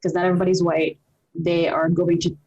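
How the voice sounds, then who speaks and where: A woman's voice: on the low side, level tone, fairly quick, a little mellow, highs cut off, a little hiss or hum. A young woman from the Philippines, co-hosting a casual group chat, talkative and swearing freely. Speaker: podcast co-host.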